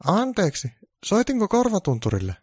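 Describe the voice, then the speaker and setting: A man voicing a pushy TV producer on the phone, with a high, pleading voice, in a comic story. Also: wildly swooping pitch, darkish tone, breathy edge, no echo, clean studio sound, full character voice.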